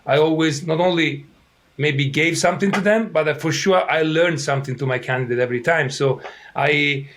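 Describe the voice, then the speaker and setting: A middle-aged Italian soccer coach answers interview questions in halting, accented English full of fillers and restarts. His voice is a little high and a bit bright, his throat slightly irritated. There is slight background noise.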